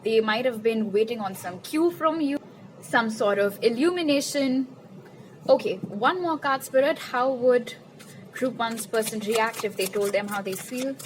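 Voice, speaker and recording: Tarot reader, woman, slightly high voice, animated and chatty. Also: a little slow, slight background noise, low-quality recording. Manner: chatty, animated, repeats questions to Spirit; laughs at her own jokes. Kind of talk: casual pick-a-card tarot reading.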